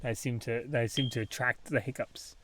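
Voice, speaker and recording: A man's voice: medium pitch, fairly even intonation, normal speed, fairly bright tone. A man casually commentating his own game play, thinking aloud with many ums and small laughs. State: has the hiccups. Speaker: gaming channel host.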